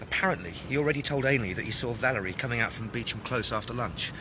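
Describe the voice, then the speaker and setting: An actor playing a tactful, down-to-earth police sergeant in a radio drama, informal but polite. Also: male voice, medium pitch, quick pace, close to an everyday voice. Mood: patient, puzzled. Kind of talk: British radio drama acting. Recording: clear background noise, traffic.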